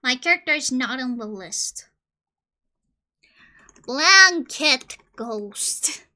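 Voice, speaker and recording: A woman from Colombia jokes through a casual stream, reading game questions aloud with drawn-out words in a high-pitched, animated voice. Every so often she lets out a sudden loud squeal.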